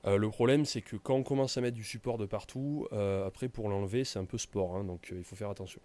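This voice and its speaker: A man walks through software settings in a casual tutorial, with many hesitations and fillers. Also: fairly low pitch, brisk, no room sound. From France. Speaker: tutorial presenter. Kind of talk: screen-recorded software tutorial.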